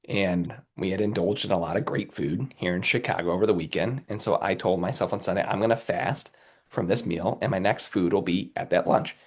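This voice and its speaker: A man with a cold and a raspy voice, a company executive giving earnest, motivational answers as a guest in an interview, often checking in with "right?". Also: sits low, darkish tone. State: has a cold, under the weather.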